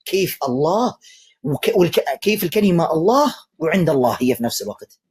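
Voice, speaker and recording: A man's voice: a little high, big pitch swings, fast talker, husky. A man, a sheikh, debating religion, pressing his opponent with repeated insistent questions and sarcastic jabs. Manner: mocking, sarcastic.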